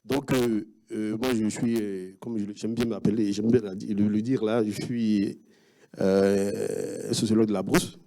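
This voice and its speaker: A man with an Ivorian French accent, a sociologist giving an academic talk with slides, speaking haltingly with many fillers and restarts. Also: fairly low pitch, fairly even intonation, warm tone. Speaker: sociologist presenting research.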